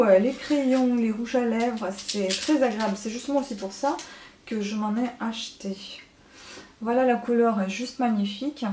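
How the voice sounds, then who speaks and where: A woman's voice: on the high side, a little mellow. Woman beauty vlogger, casual haul chat, hesitant fillers, echoey room. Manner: chatty, many hesitant fillers.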